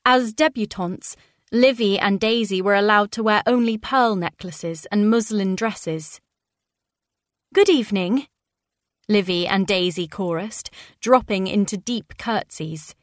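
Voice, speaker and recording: A woman narrating a historical novel aloud in an even, measured manner. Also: mid-range voice, no echo, studio quality. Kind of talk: audiobook narration.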